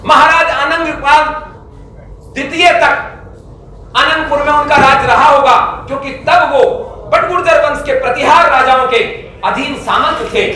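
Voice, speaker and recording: A man's voice: extremely high pitch, steady tone, measured pace, sharp tone. A middle-aged man giving a formal, emphatic talk at a press conference, listing names and dates as he lectures. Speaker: press conference speaker on history. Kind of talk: formal public address. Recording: echoey room, speaker far from mic.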